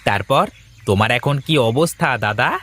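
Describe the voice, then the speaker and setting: A man's voice: medium pitch, animated, normal speed, pushed and bright. A man voicing a caring village neighbor who takes charge and reassures others in a cartoon story. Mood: reassuring. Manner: urgent, reassuring. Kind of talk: animated cartoon voice acting.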